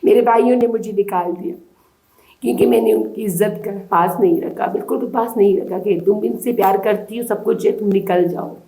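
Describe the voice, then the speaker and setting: A woman from Balochistan, Pakistan, pours out an urgent, pleading account to an interviewer. Her voice sits in the middle of her range and has a mellow, darker tone. The recording carries a noticeable roomy echo. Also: medium pitch, gravelly. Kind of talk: emotional testimony to a reporter.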